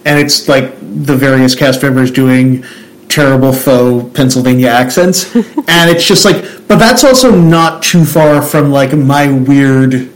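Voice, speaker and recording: A young man from Central Jersey talks in easy conversation, circling his point with plenty of false starts and self-corrections. His voice sits at an ordinary middle pitch. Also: measured pace, rough recording. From Central New Jersey. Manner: rambling, self-interrupting, many restarts. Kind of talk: casual conversation.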